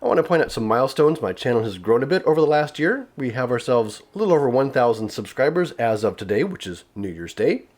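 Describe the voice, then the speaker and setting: A man's voice: mid-range voice, quick pace, hardly any pauses. A man hosting a gaming channel, talking casually about his channel with lots of fillers and restarts at his home gaming setup. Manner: relaxed and rambling, with many fillers and restarts. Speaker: YouTube gaming channel host.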